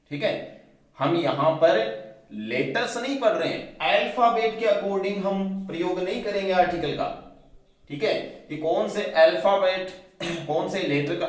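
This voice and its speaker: A male teacher giving a grammar lesson, explaining patiently and checking in often with his class. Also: fairly high pitch. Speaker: English teacher. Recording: very echoey room, mic at a distance.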